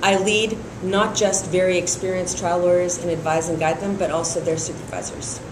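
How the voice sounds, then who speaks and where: Speaking at a normal speed with a flat delivery, this middle-aged woman has a fairly low pitch and leans on fillers often. Iranian-born and San Francisco-raised, she is a district attorney candidate answering steadily in an endorsement interview. An echoey room and background noise are audible.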